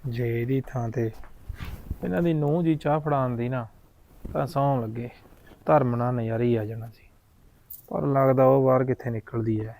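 A man's voice: medium pitch, steady tone, normal speed, gravelly, long pauses, mellow, close to an everyday voice. A man with a Punjabi accent playing a scheming young farmhand who talks politely to the family and mutters lustful plans to himself. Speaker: hired farm worker.

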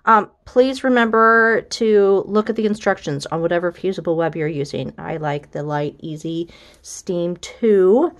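Speaking at a fairly low pitch and an unhurried pace, an American woman leads a casual walkthrough of a quilting block. She's friendly, chatty, and enthusiastic, explaining each step and pointing things out as she teaches.

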